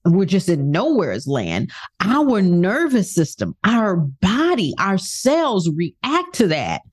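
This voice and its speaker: A woman's voice: on the low side, huge pitch swings, takes it slowly, darkish tone. A woman giving a motivational talk as a self-help speaker, speaking emphatically and asking the listener rhetorical questions. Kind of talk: motivational monologue.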